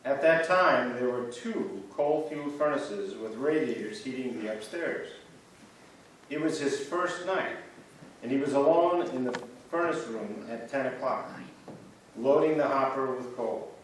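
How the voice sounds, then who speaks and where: In a large church sanctuary, a man with a mid-range voice reads a church history script for reader's theater, building each story like a storyteller. His intonation is lively and his pace unhurried. Heard from far off, the recording is echoey with a little hiss or hum.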